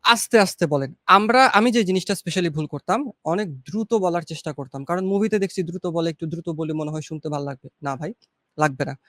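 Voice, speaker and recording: High-voiced Bangladeshi man, dry close sound. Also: dry recording. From Chittagong, Bangladesh. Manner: relaxed, encouraging, unhurried. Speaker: guest graphic designer. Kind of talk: casual advice talk.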